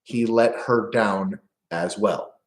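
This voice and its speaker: A man's voice: on the low side, slow pace, roomy sound. A man hosting a livestream, giving a blunt, profane, opinionated monologue in a lecturing tone. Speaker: livestream host.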